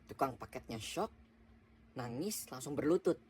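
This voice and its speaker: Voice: medium pitch, normal speed, slight background noise. A storyteller casually narrating a funny short story in a chatty way. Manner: relaxed, chatty narration with fillers.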